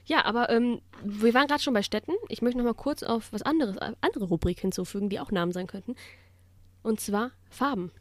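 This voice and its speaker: A chatty young woman gives her opinions freely as a podcast co-host, padding her talk with fillers. Her voice is a little higher than most women's and sounds dry and close to the mic. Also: fairly quick, no room sound. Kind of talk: casual chat.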